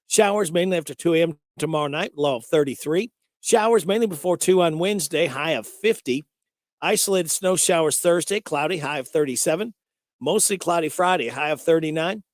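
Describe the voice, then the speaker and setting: A man hosts a local morning radio show with announcements and short items. His voice is on the high side for a man, recorded close and dry in a studio. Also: no echo.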